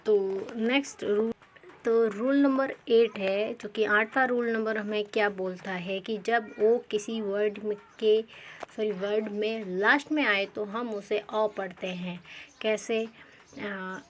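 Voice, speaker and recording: A woman teaching pronunciation rules, repeating examples and asking herself rhetorical questions, often pausing with fillers and correcting herself. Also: mid-range voice, steady tone, a little hiss or hum. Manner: slow, repetitive, quizzes with rhetorical questions; frequent fillers and self-corrections.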